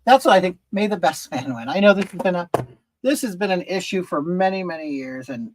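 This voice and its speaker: Over a noisy background, a rural Californian man with a high, expressive voice talks a little fast while hosting a casual stream. He does makeup, reads and answers chat, and rambles in hesitant sentences he keeps restarting.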